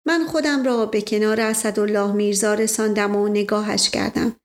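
A woman narrating a novel in a steady storytelling read. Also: medium pitch. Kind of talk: audiobook narration.

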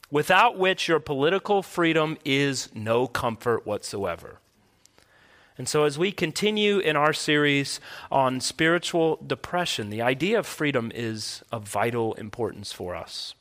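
A man's voice: a little high, fairly bright tone. A man, a pastor, preaching a sermon earnestly and emphatically into a pulpit microphone in a church. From United States. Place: church sanctuary.

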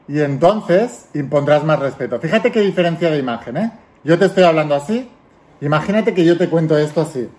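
A man with a somewhat high-pitched voice delivers a motivational self-help lesson. He talks straight to the listener and acts out short examples as he goes. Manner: direct, addresses the viewer as tú, demonstrates voices.

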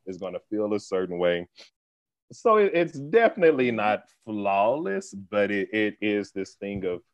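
A man speaking as a podcast guest, an animated storyteller who laughs often and talks in quick bursts. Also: fairly low pitch, no echo. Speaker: guest, theater organization leader. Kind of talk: conversational podcast interview. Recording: dull lo-fi sound, dry.

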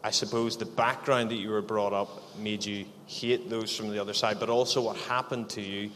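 A man's voice: lowish voice, level tone, moderate pace, fairly bright tone, a little hiss or hum. A man leading a live church interview, upbeat and encouraging as he prompts his guest with questions. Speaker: church leader hosting an interview. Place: church hall. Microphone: handheld microphone. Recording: echoey church hall.

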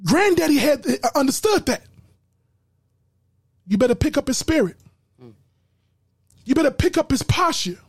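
A man preaching an impassioned sermon, shouting, stammering and repeating words as he drives his points home. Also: extremely high pitch, very animated, moderate pace, long pauses, no echo, studio quality.

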